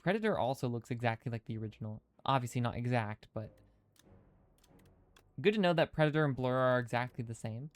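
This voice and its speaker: This is casual commentary from a man live-streaming a game: he talks through his plays, chats with viewers and reads out chat comments, with dental retainers slightly getting in the way of his words. He speaks at a medium pitch, briskly, with lively intonation. The recording is dry.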